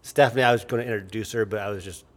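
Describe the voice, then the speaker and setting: A man's voice: lowish voice, steady tone, racing. A man hosting a podcast in casual chat, rambling and often restarting his sentences. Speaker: podcast host.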